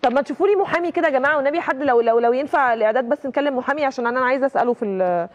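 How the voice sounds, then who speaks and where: A woman with an Egyptian Arabic accent hosting a live call-in talk show, pressing callers with quick, probing questions. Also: sits high, highs cut off, slight background noise.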